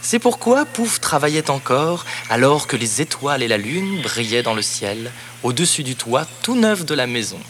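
A man narrating a children's storybook cassette in a lively, expressive read-aloud voice. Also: medium pitch, moderate pace, hardly any pauses, noisy background. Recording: cassette narration over background music.

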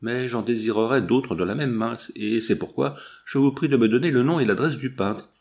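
A man's voice: moderate pace, darkish tone, natural voice. A man reading the part of an old army general, speaking in a choked, emphatic way. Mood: earnest. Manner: deep, choked-up emphatic speech. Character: old male army general, shaken and grave.

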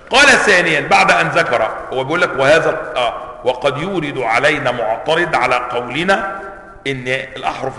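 An Egyptian man lectures on Quran readings in a high, bright voice. He stretches out each pronunciation and keeps checking that his students follow. The sound rings around a large hall. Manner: explains slowly, checks students with questions, drawn-out recitation of word forms. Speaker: sheikh teaching Quran sciences. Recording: roomy hall reverb.

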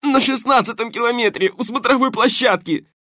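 A man reading an audiobook and voicing a young male street thug who yells shrilly in pain and panic. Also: lively intonation, drawn-out words, gravelly, no room sound, clean studio sound, heavily acted. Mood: yelling in pain. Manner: shrill, yelling desperately. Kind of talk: audiobook character voice.

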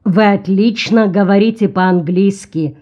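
A woman voicing a stately male ship captain who speaks in a formal, measured way, as the narrator of an audiobook. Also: mid-range voice, a little mellow, lo-fi sound, lightly acted.

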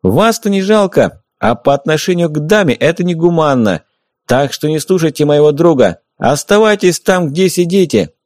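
A man voicing a calm, sarcastic blind male stalker in an audiobook, taunting and lecturing his companions and enemies. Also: mid-range voice, normal speed, no echo, studio quality, pitched above the performer's own voice. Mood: taunting loud. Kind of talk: audiobook character voice.

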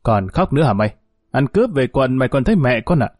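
Harsh cop, read by a man, curt and scornful, dark-toned, dry read. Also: mid-range voice, big pitch swings, fast talker, no room sound. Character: gruff male policeman, harsh and contemptuous.

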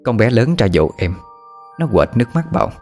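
A man reading a sad story aloud in slow, mournful scripted narration. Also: lowish voice, big pitch swings, a little mellow. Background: faint music.

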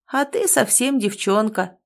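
A woman voicing a very old male wolf-shifter bookseller who talks slowly, dryly and gruffly. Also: a little high. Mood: wry.

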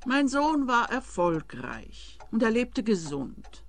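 Slow, creaky elderly grieving mother. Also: fairly high pitch, sing-song, heavily acted. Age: 70s. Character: grieving, insistent mother of nearly eighty. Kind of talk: scripted radio play acting.

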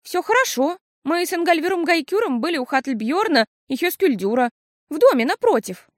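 A woman reading an audiobook, voicing an excitable, emotional young schoolgirl with high, breathless exclamations. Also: fairly quick, no room sound, studio quality. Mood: excited. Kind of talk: audiobook character voice.

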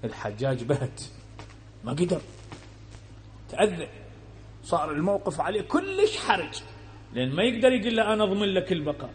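A man with an Iraqi Arabic accent preaching a sermon. He tells a story and acts out its speakers, moving between loud emphatic bursts and low quiet asides. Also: very animated, fairly quick, pauses often, slight background noise.

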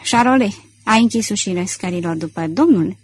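A woman voicing a proud, ironic gentleman thief in an audiobook. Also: mid-range voice, lively intonation, slight background noise, lightly acted. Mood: teasing. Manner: proud, ironic and self-assured. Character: elegant, boastful gentleman thief, man. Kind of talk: audiobook character reading.

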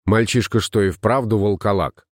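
A man reading an audiobook, voicing a blind, wounded swordsman who talks gruffly and bluntly. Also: on the low side, moderate pace, dry recording, studio quality, close to an everyday voice.

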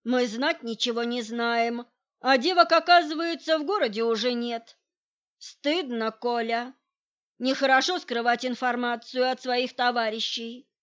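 Woman doing a pushy guy nagging for info, reproachful, slow audiobook read. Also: on the high side, fairly bright tone, lo-fi sound. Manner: reproachful, insistent. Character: pushy man demanding shared information.

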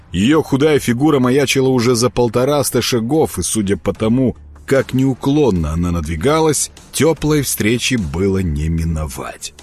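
A man narrating a folktale audiobook with lively, dramatic storytelling. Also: on the low side, breathy edge. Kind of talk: scripted narration.

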